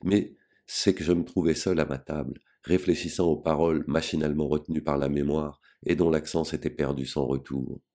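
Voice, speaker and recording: A man reading a novel aloud as an audiobook in a measured, grave first-person narration. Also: rumbling low, steady tone, warm tone. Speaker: audiobook reader.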